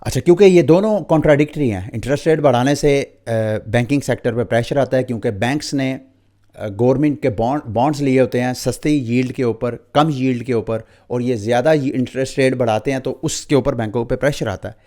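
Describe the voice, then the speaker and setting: A man's voice: mid-range voice, brisk, dark tone. A man from Pakistan with a Pakistani Urdu accent, hosting a crypto market update and explaining the news straight to his viewers, with English terms mixed in.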